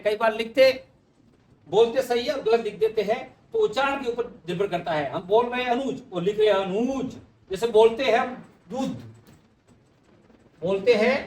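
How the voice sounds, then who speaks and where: Male teacher, high voice, patient explainer, recorded from a distance in an echoey room. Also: darkish tone. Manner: explanatory, addresses students directly. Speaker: Hindi teacher. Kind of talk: exam-prep spelling lesson.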